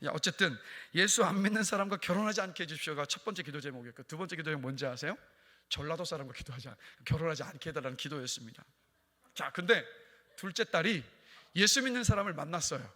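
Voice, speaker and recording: A man preaching a sermon as senior pastor at a Friday prayer meeting, from Chungcheong in Korea, swinging between loud emphatic lines and hushed near-whispers. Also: fairly high pitch, expressive, fast talker, long reverb tail. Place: church sanctuary.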